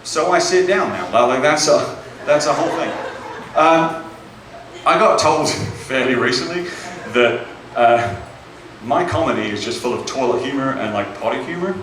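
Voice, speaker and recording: A man's voice: medium pitch, animated, moderate pace, a bit bright, distant mic. A British man doing a stand-up comedy set, chatty and self-deprecating, often checking in with "right?". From Britain. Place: comedy club stage. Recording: echoey club, mic heard from afar.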